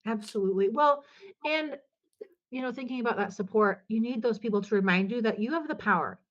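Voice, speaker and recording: A woman's voice: on the high side, animated, brisk, muffled recording. A woman guest, a business coach, talking in a casual podcast chat with an upbeat, emphatic, motivational manner.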